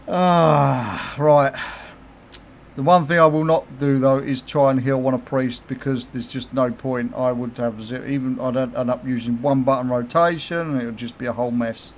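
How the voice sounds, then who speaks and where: A man's voice: mid-range voice, unhurried. Swearing, chatty man streaming. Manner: chatty, swears freely, laughs often, reads chat comments aloud. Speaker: game streamer. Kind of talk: casual livestream chat.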